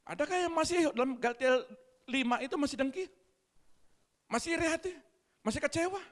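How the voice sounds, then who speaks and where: Woman preacher, high voice, lively sermon full of questions to the crowd. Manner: animated, asks the congregation questions, laughs.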